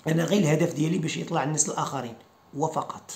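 Man, Moroccan accent, casual English lesson, repeats words slowly, echoey room. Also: on the high side, darkish tone, a little hiss or hum. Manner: repeats example words slowly, then chats loosely. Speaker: English teacher.

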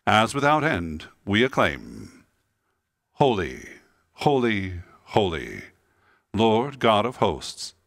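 Solemn priest intoning Mass prayers. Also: male voice, lowish voice, fairly bright tone, no room sound, studio quality. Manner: solemn, measured, sing-song intoning.

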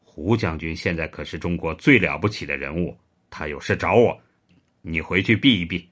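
Man voicing a gruff middle-aged spymaster, low and curt, clipped lines. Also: sing-song, normal speed, fairly bright tone. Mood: stern, gruff. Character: stern, curt male spy chief, middle-aged.

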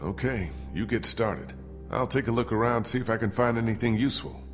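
An actor playing a weary, practical survivor in a video game, in a low-key, musing manner. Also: male voice, a little fast, faint music behind, close to an everyday voice. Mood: determined. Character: weary, practical male survivor searching for clues.

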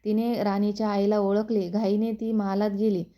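Mellow steady woman storyteller. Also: mid-range voice, moderate pace. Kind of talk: devotional story reading.

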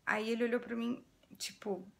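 A woman's voice: fairly high pitch, moderate pace, vocal fry. A woman in her thirties with a Brazilian Portuguese accent, earnestly retelling a personal story to her viewers as a vlogger. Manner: earnest, animated retelling, addresses viewers directly.

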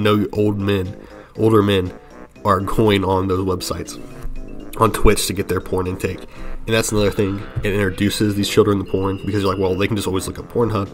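Deep-voiced young man, flat delivery. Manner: earnest, rambling, with frequent restarts. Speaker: gaming commentary channel host. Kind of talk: opinion commentary over gameplay. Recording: voice-over with faint music underneath.

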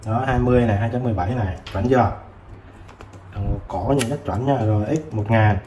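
A man selling used tools who chats casually while showing old multimeters, filling pauses with short words. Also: on the low side, darkish tone. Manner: chatty, fills with "đấy" and "rồi". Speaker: used tool seller. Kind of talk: casual product demo. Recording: roomy with faint background noise.

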